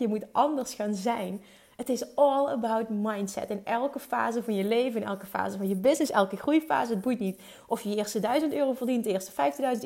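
A woman's voice: fairly high pitch, a little mellow. A woman coaching entrepreneurs in an emphatic motivational monologue, dropping English phrases into her talk. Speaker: business coach.

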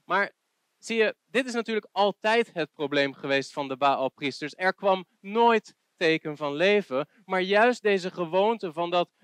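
A man preaching a sermon, telling a Bible story in a lively way and rising to emphatic peaks. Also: high-pitched, a little slow, smooth, dry recording.

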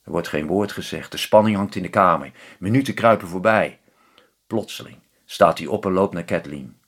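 A man narrating a fairy tale in a calm, measured storytelling manner. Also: low voice.

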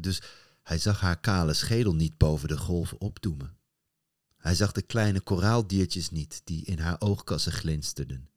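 Low-voiced man telling a folktale. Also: dry recording, clean studio sound. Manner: animated, building suspense with rising intensity. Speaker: storyteller. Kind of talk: dramatic told folktale.

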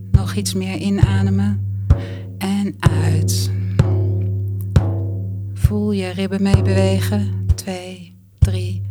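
A guest breathwork coach with a soft, breathy, mid-range voice guides listeners through breathing exercises. Her instructions come calmly and without any rush.

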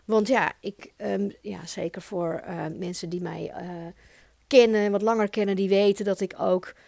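A Dutch-accented woman in her thirties hosts a solo podcast, talking in an intense, emphatic way and swearing now and then. Her voice sits at a middle pitch and sounds dry and close to the mic. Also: fairly even intonation, moderate pace, vocal fry, a little mellow, no room sound. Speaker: podcast host.

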